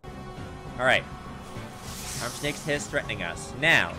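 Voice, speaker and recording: His mid-range voice is animated but slow as this gaming host works through a playthrough, reading on-screen text and talking to himself. Game music runs behind him.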